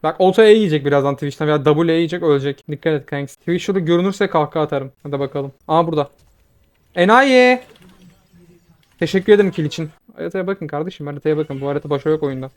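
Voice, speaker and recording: A young man giving quick, excitable commentary over his own gameplay, swearing when frustrated. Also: a little high. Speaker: gaming video creator.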